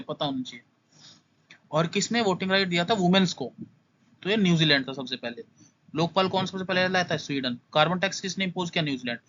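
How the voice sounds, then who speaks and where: Young male tutor, quick casual lesson, bright edge, slightly muffled lo-fi sound. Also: on the high side. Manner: brisk, skims through points, repeats "must know". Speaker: exam prep tutor. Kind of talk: casual exam-prep lesson.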